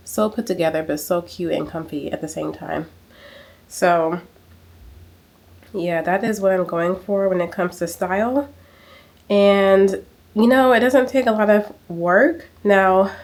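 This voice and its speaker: Talking directly to her handheld camera, an American lifestyle vlogger in her thirties keeps the chat casual. Her slightly low voice leans hard on emphasis, and she says her main points twice, recorded through the camera's small mic.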